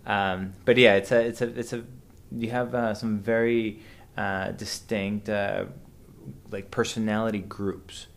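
A man's voice: fairly low pitch, flat delivery, a little slow. A man in his thirties from Venezuela, a podcast guest chatting casually and hesitantly, with many fillers and restarts. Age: 30s. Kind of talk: casual conversation.

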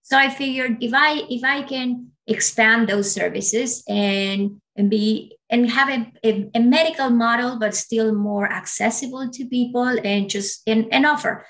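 A woman's voice: fairly high pitch, unhurried, few pauses, a bit bright, poor audio. A woman in her forties from Ecuador, a native Spanish speaker, explaining her work as an audiologist in an interview with fillers and restarts. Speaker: audiologist guest.

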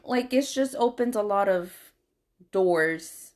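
A woman co-hosting a casual podcast chat with her partner, talking in an animated way and laughing between remarks. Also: medium pitch, takes it slowly. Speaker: podcast co-host.

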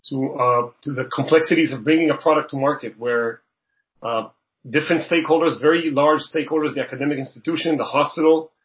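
Earnest man from Israel, lo-fi audio. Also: medium pitch. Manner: earnest, many repeated words and restarts. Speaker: startup co-founder and CEO. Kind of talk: interview answers. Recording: dull lo-fi audio.

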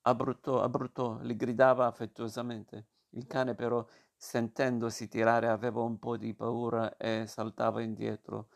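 A man reading a novel aloud as narrator, steady and measured. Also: mid-range voice, vocal fry.

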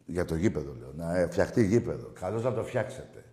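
A man in a profane, mocking rant at a rival football club's fans, swinging between loud shouts and low jeers. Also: animated, a little hiss or hum. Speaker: football fan ranting. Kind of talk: profane monologue. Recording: roomy echo.

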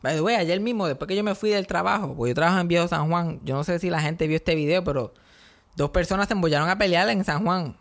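A man with a Puerto Rican accent telling funny stories in casual podcast chat. He is animated and jokes a lot. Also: sits high, fast talker. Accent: Puerto Rican Spanish. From Puerto Rico. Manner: animated, joking, acts out quotes.

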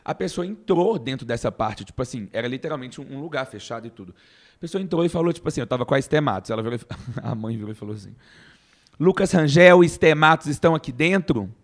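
Fast-talking Brazilian man telling stories. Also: mid-range voice. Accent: Brazilian Portuguese. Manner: animated storyteller, acts out quoted people. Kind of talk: casual chat.

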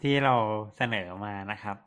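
Low-key man mumbling through a list. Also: moderate pace, fairly bright tone. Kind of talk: casual chat, reading out mnemonics.

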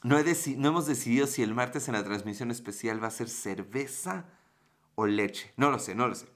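A man's voice: mid-range voice, moderate pace, fairly bright tone. A man in his thirties with a Mexican Spanish accent, hosting a casual livestream, telling a story and joking with viewers' comments in a playful, chatty way. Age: 30s. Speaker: livestream host.

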